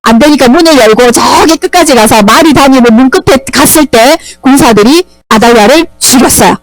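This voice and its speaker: A woman's voice: high-pitched, brisk, dry recording, low-quality recording. A woman teaching Sunday school, animatedly telling a Bible story and quizzing the children.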